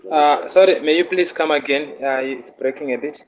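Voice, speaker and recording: A man's voice: on the high side, normal speed, dull audio, a little hiss or hum. A man speaking over a choppy, breaking internet call as a hackathon organizer, hesitant and full of filler sounds and restarts. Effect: choppy, breaking internet call audio. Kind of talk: live-streamed online event remarks. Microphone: remote call connection.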